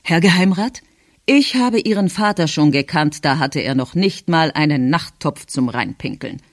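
A man's voice: a little high, expressive, moderate pace, no room sound, studio quality. A man voicing a fawning, persistent spokesman. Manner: deferential, insistent. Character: older male delegation spokesman, fawning and persistent.

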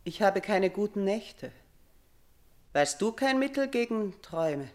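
A fearful, imperious aging queen tormented by her nightmares, in a 1950s radio play. The delivery is theatrical and stage-trained, rising to loud cries and sinking to hushed, almost whispered lines. The voice sits at a middling pitch for a woman. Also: big pitch swings, a little slow. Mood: weary. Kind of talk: 1950s radio drama acting.

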